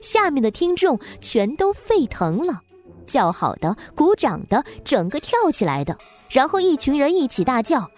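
A woman narrating a story in an expressive, dramatic way. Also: sits high, normal speed. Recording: faint background music.

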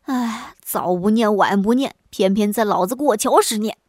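A woman's voice: a little high, animated, measured pace, dry recording, studio quality. A woman doing a hot-headed grumbling pot peddler. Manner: blustering, complaining.

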